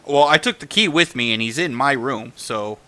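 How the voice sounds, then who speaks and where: A man at a tabletop game speaks calmly and plainly, partly as his character. His voice has a medium pitch and a bright tone. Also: normal speed, no echo. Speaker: player.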